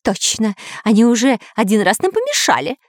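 A woman's voice: fairly high pitch, very animated, a little fast, no echo, studio quality, pitched above the performer's own voice. A woman voicing a fawning male parrot sidekick in a children's audiobook, with an eager, ingratiating squawk. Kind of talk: audiobook character voice.

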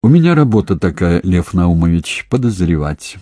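A man voicing a calm, wry young police investigator with a dry, ironic manner, in an audiobook. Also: low-pitched, moderate pace, no echo.

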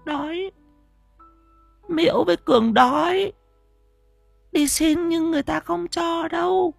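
A man's voice: very high voice, slow, creaky, no echo, soft background music, voice pushed up, heavily acted. A man voicing a simple-minded young mother who speaks in broken, childlike, pleading phrases.

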